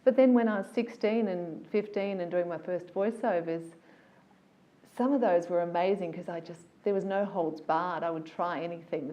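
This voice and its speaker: A woman, a voiceover artist telling stories about her career in a casual, animated, enthusiastic interview. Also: lowish voice.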